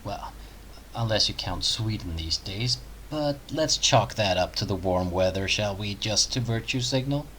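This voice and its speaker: A man's voice: fairly low pitch, lively intonation, measured pace, a bit bright, slight background noise, poor audio. A man hosting a reaction commentary video, talking in a sarcastic, mocking way.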